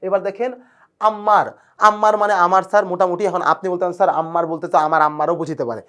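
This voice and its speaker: A man's voice: high voice, little pitch movement, fairly bright tone. A male teacher, giving a recorded exam-prep lecture. He talks eagerly about where words come from and keeps checking whether the students follow. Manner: fast, checks in constantly with "clear, sir?"; enthusiastic about word origins.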